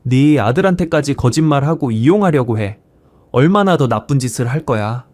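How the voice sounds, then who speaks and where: Scolding at the top of his lungs, the furious retired-teacher grandfather comes through a male narrator's mid-range, expressive voice. The pace is moderate and the performance sits close to natural speech. There's no room sound, just a dry, intimate tone.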